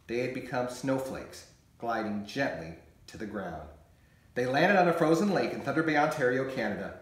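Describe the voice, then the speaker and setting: A man reading his children's book aloud in an expressive, animated storytelling manner. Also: mid-range voice, roomy sound.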